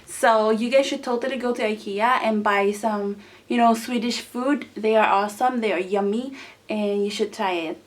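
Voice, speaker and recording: Young girl doing a mukbang, kinda high voice, excitable casual chat to camera while eating. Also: moderate pace. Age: teenager to young adult. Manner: excitable, exclaiming, talking to viewers while eating. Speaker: mukbang host.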